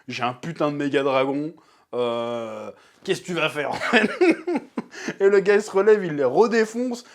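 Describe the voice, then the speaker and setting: A young man with a high-pitched voice talks through a TV episode in a loose, slangy way. He is animated and keeps slipping into quick acted voices to replay the scenes. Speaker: TV series reviewer. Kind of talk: casual episode review.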